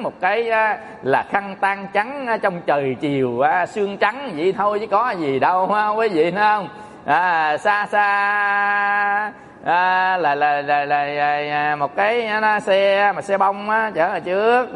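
Male monk, folksy joking sermon, high voice, long hall reverb. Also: fairly bright tone. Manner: folksy, joking, addresses audience often. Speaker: Buddhist monk teacher. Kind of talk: Dharma talk sermon.

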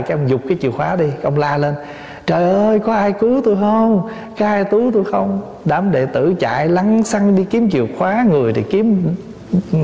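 A man's voice: on the high side, darkish tone. Man giving a Buddhist dharma talk. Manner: plain storytelling with rhetorical questions and light humor. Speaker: Buddhist monk teaching dharma. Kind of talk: dharma talk to lay audience. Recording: echoey hall, dull lo-fi sound.

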